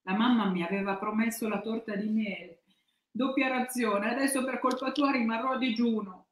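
A woman's voice: fairly low pitch, animated, normal speed, close to an everyday voice. A woman voicing a bold, cheeky little girl with a spirited, defiant way of talking. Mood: upset. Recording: echoey room.

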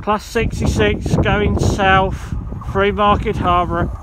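A man with a fairly high voice, calling out the trains as they pass a station platform. He talks in a plain, matter-of-fact way, recorded outdoors on a phone. Loud rumbling trains and traffic noise sit under his voice. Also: level tone, slow pace. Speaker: train spotter. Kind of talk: commentary on passing trains. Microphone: handheld phone camera.

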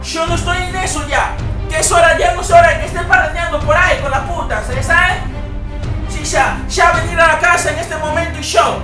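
A furious Dominican wife, as a man puts her on, shrieking insults at her cheating partner in a very high voice. The room rings with echo and loud music plays behind her. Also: a little fast. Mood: furious scolding. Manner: shouting, cursing, scolding. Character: furious jealous Dominican wife, young adult.

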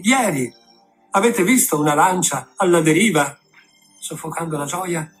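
A man reading a classic novel aloud in a steady, literary narration. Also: on the high side.

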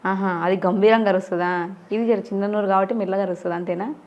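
A woman interviewer asking a child quick, coaxing questions in a casual interview. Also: mid-range voice, fairly even intonation, darkish tone, muffled recording.

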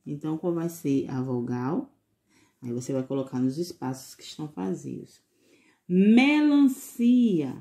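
A woman teaching young children in a recorded lesson, patiently sounding out syllables and coaxing them with gentle diminutives. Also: extremely low pitch, normal speed, gravelly. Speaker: preschool teacher.

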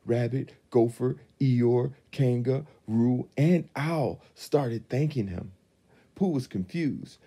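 Gravelly, dark-voiced male storyteller. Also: on the low side. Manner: expressive, animated reading. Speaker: Santa storyteller. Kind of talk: storybook reading.

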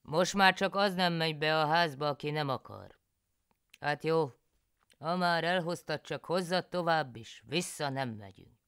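A woman voicing a grumbling peasant husband in a folk tale, with loud, scolding exclamations. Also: low-pitched, clear, resonant tone, no echo, clean studio sound, pitched above the performer's own voice. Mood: exasperated.

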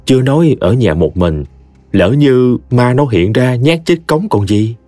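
A man with a Mekong Delta Vietnamese accent narrating a humorous story in a lively, expressive way. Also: mid-range voice, a little slow, no room sound. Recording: dry close studio voice, soft music behind.

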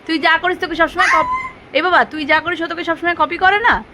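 A woman's voice: extremely high pitch, expressive, brisk, sharp tone, slight background noise. A mother at home filming her small child, talking to him playfully with lots of exclamations and fond scolding. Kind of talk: casual home video chat with a child. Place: at home, indoors.

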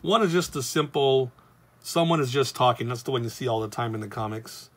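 A man's voice: medium pitch, fairly quick. A middle-aged man, teaching how to draw comics in a loose, rambling, casual way. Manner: rambling, loose and chatty, with many fillers. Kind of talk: casual drawing tutorial.

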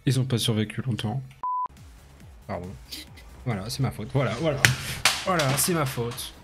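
A man's voice: medium pitch, expressive, normal speed. A male streamer chatting casually over a game, joking crudely and laughing often. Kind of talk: casual gaming stream chat. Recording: music playing under the voice. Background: background music.

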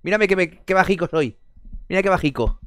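Sarcastic man streaming, lively pitch. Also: dry recording. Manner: sarcastic, laughs often, swears. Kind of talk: casual live-stream chat, reading chat.

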